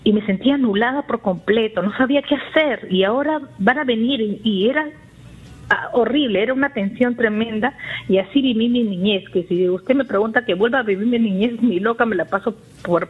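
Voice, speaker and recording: Caller: woman in her 40s, husky, rambling and confessional, on dull lo-fi audio. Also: on the high side. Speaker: radio caller. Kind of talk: call-in confession to a therapist.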